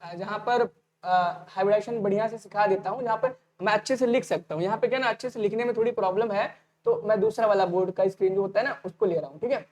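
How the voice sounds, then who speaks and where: A man teaching an online exam-prep lecture, talking fast and repeating each point as a question to the students before answering it himself. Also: sits high, a little mellow. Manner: casual, addresses students directly.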